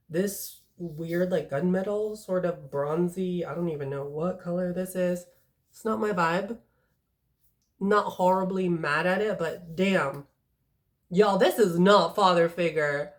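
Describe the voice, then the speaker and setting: Sassy fragrance vlogger, woman, lower-pitched voice, blunt and slangy. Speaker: fragrance reviewer. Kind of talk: casual vlog review.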